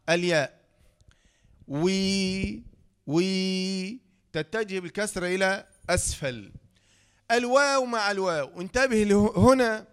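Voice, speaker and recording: A man with an Egyptian accent teaching a tajweed lesson, who asks the class questions, answers them himself, and slowly draws out the example sounds. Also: sits high, a bit bright, clean tone. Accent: Egyptian Arabic. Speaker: Quran recitation teacher.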